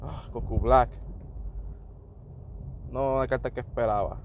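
Slow-talking bilingual man reacting to game pulls. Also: medium pitch, steady tone, a little mellow, slight background noise. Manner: mixes Spanish and English, reacts to each pull. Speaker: gaming YouTuber. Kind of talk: casual gacha summon commentary.

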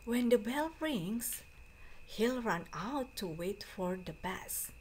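Slow-reading woman teacher, slightly noisy recording. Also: fairly high pitch, expressive, darkish tone. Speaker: teacher reading aloud to students. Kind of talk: slow storybook read-aloud for a class.

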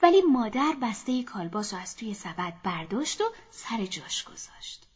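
A woman narrating a children's story in a soft, often half-whispered voice, speaking to children, in a dull lo-fi recording. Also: medium pitch, big pitch swings, slightly rough.

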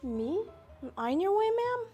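A woman voices a little lost puppy dog in a children's puppet show, her high voice sweet, innocent and childlike in its openness. She's very animated and speaks at normal speed, with soft music faintly behind her.

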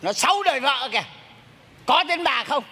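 A man performing a stage comedy sketch with broad, exaggerated delivery. His voice sits very high and sounds sharply bright. Faint stage noise hangs behind him. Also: animated, normal speed. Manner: exaggerated theatrical comic delivery. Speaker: comic actor playing a sorcerer.

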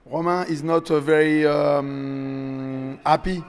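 A man's voice: fairly high pitch, level tone, takes it slowly. A man with a French accent, a coach in an interview, speaking hesitant, broken English as he searches for words. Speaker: coach translating for fighter. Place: indoor event backdrop interview area. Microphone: shared handheld interview microphone. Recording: noisy event room ambience.

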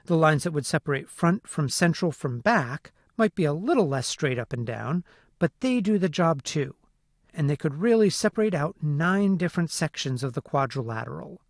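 Man, lecture narration, methodical, slightly high voice, dry recording. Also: animated, normal speed, dry recording. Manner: clear, methodical explaining. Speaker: phonetics instructor.

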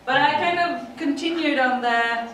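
In a dim conference room, a middle-aged Swedish woman talks in English with a Swedish accent, keeping her presentation chatty with frequent laughs and fillers. Her voice sits high and a bit bright, and her pace is measured. Slight background noise and an echoey far-off room mic round out the recording.

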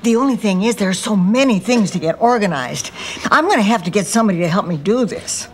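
A woman's voice: mid-range voice, lively intonation, fast talker, close to an everyday voice. An older actress playing a sweet, naive woman who talks in a chirpy, earnest way. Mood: eager. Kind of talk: studio sitcom acting. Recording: loud background noise on 1990s sitcom audio.

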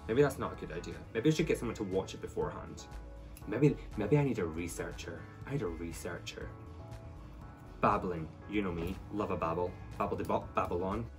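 A man's voice: low voice, a little fast, over music. A man with a sassy, campy drag queen delivery, giving casual reaction commentary as host. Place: indoor studio setup against a backdrop.

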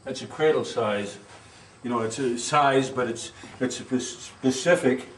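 An older man working as a museum guide leads a tour through an old wooden barn, explaining farm tools in a folksy, rambling way full of "you know" and "okay?". His voice is mid-range and his pace measured. The recording is rough, made on a handheld camera's mic, with a little hiss or hum.

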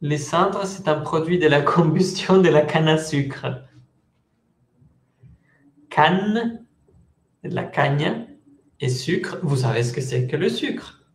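A man teaching a French class in Spanish, slowly repeating words and switching between languages while calling on students by name. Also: fairly high pitch, echoey room. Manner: slow, patient, repeats words to drill pronunciation.

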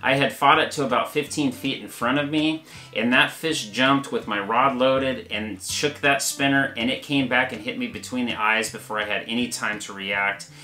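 Bright-voiced man reviewing fishing gear. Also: medium pitch, fairly even intonation, moderate pace, reverberant. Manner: plain, practical, explains step by step. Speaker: fishing channel host. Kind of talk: gear review talk to camera.

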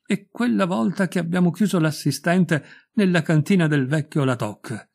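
A man voicing a loud, boastful and crude middle-aged former schoolmate, talking in a hearty, pushy way. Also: fairly high pitch, normal speed, creaky. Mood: boisterous.

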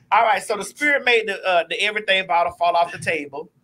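A middle-aged talk show host with a medium-pitched, fairly bright voice chats briskly on an indoor studio livestream, blunt, playful and profane. She's close to a studio mic on a stand, and the recording is rough.

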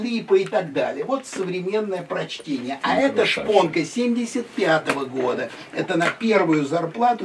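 A man's voice: a little high, distant mic, slight background noise. A man in his sixties from Russia, chatting as he shows visitors around his small home museum, pointing at one picture after another. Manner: lively, chatty, gesturing at photos. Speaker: private museum owner and guide. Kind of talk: casual guided tour. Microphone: handheld camera following him.

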